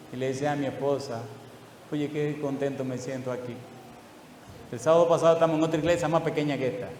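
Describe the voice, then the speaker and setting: A man's voice: medium pitch, a little mellow, slight background noise. An older man preaching a sermon to a congregation, emotional and chuckling, with fond asides and rhetorical questions. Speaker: pastor. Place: church hall. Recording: echoey church hall with long reverb.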